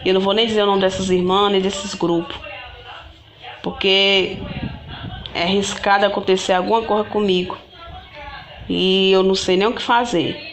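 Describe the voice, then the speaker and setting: A woman's voice: mid-range voice, little pitch movement, normal speed, pauses often, slight background noise. A woman telling her own story to viewers in a rambling, repetitive way, often restarting and speaking to them directly. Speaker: vlogger. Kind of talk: casual personal storytelling to viewers.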